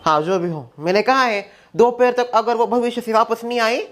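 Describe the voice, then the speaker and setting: A man's voice: very high-pitched, fairly even intonation, normal speed, fairly bright tone. A man playing a naive, chatty young daughter-in-law in a comedy sketch.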